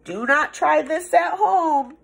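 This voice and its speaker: Creaky and high, the voice belongs to a young adult woman reading a picture book aloud to kids like a teacher. Her delivery in the small indoor office room is expressive, theatrical and playful, marked by drawn-out words and hushed asides.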